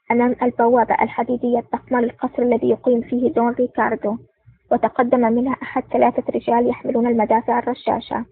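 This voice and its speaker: A woman narrating a spy thriller audiobook in a quick, even reading, on a dry, tinny line. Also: a little high, breathy edge, no room sound. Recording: dry, tinny phone-like sound.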